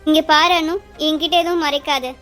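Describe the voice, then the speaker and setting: A woman playing a firm, protective young cartoon woman who lectures and pleads, voice still very high but pushed lower and harder than the heroine's. faint children's music plays behind her. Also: steady tone, moderate pace, fairly bright tone. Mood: stern. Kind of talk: cartoon voice acting.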